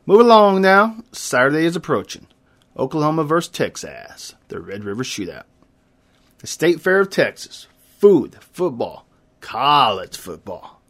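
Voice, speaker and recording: A man in his thirties reading his own poem, with dramatic swings between loud outbursts and quiet asides. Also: mid-range voice. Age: 30s. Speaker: poet.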